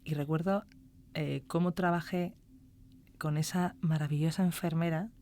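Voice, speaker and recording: A woman's voice: deep voice, fairly even intonation, moderate pace, warm tone. A woman, a music therapist chatting as a podcast guest, telling stories and acting out quoted dialogue. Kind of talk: casual podcast interview.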